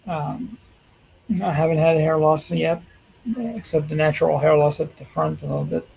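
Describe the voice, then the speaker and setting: A man's voice: fairly even intonation, moderate pace, gravelly, darkish tone, husky, low-quality recording. A middle-aged man talking casually and rambling a little as he gives a livestream update from a hospital room. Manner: low-key and rambling. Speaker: streamer giving a health update.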